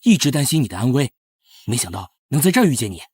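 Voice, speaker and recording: A man's voice: medium pitch, very animated, quick pace, a little mellow, breathy edge, no echo. An actor playing a goofy young male house guard who is eager and bumbling and laughs nervously. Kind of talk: TV drama acting.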